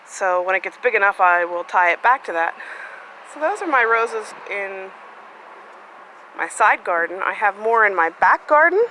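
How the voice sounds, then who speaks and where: A woman's voice: mid-range voice, animated, moderate pace, bright, forceful tone, a little hiss or hum, rough recording. A woman chatting casually as she walks through her garden outdoors, talking into a handheld phone camera with plenty of fillers. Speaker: gardening vlogger. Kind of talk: casual walk-through vlog. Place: outdoors in a sunny home garden.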